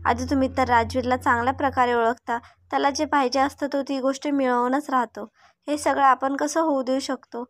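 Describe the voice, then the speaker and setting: A woman's voice: sits high, level tone, brisk, no echo, clean studio sound, lightly acted. A woman voicing an anxious, fretful middle-aged mother in a read-aloud story. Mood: worried.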